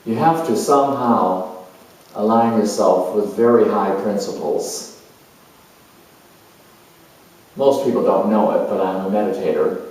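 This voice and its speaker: Lightly acted, this dramatized monologue has a man voicing a proud, charming, opinionated career politician who became a world judge. He muses reflectively and self-assuredly in a lowish, slightly mellow voice, halting and emphatic, with roomy echo from a distant mic.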